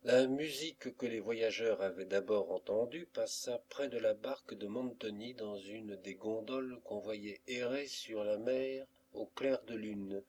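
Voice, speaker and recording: A man reading a classic novel aloud as an audiobook, in a measured literary way. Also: fairly low pitch, darkish tone. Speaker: audiobook reader. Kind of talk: scripted narration of a classic novel.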